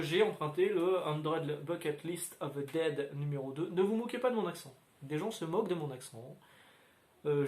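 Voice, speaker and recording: A man with a slightly high voice chats casually about his week's comics, hesitating and wandering between thoughts. He talks into a standalone mic in a roomy, echoey room at home. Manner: rambling, many filler sounds. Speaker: comics video host. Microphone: standalone microphone.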